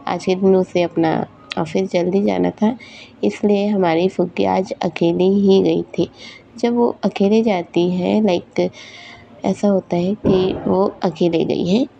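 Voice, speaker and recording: Gravelly woman casually telling a story. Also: mid-range voice, fairly even intonation, slow, mellow, dull audio, slight background noise. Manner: chatty, uses fillers like "like" and "matlab". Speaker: fanfiction storyteller.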